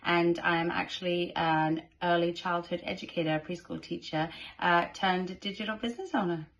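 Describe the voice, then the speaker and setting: Chatty lower-voiced woman, casual testimonial. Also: fairly even intonation, moderate pace, fairly bright tone, dull audio. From United Kingdom. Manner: chatty, with fillers. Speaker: preschool teacher turned business owner.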